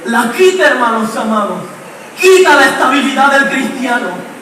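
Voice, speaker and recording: A man from Honduras preaching a shouted sermon in church with a Honduran accent, calling out "beloved brothers" between phrases and dropping to hushed asides. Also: extremely high pitch, big pitch swings, normal speed, slight background noise. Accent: Honduran Spanish. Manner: repeats "hermanos amados" between every phrase. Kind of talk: shouted Pentecostal-style sermon. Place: church hall. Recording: echoey church from a distance.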